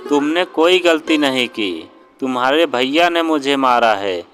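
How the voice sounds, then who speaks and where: A man reading as a sharp, irritated young woman. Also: mid-range voice, animated, a little slow, smooth. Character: upset young woman, sister-in-law. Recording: guitar music underneath.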